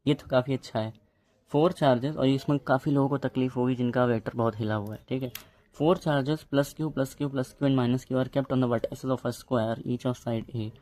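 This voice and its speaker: A man's voice: mid-range voice, steady tone, a little slow, a little mellow. A man teaching a physics lesson in a casual, chatty way, often checking in with his students. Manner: chatty, addresses students as bhai, repeats ok.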